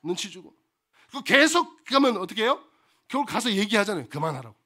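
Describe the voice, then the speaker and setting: A man's voice: sits high, very animated, a little fast, sharp tone. A man preaching a sermon as pastor, asking the congregation rhetorical questions and repeating phrases for emphasis.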